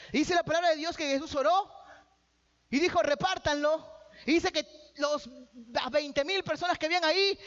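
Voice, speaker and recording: A man preaches a lively sermon, joking with the congregation and calling out to them. The recording is dull and lo-fi. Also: very high-pitched. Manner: calls out to the audience. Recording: dull lo-fi sound.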